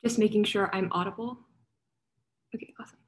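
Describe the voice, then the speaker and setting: A young woman delivering a competitive debate speech over a video call, rapid and assertive. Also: mid-range voice, steady tone, slight background noise.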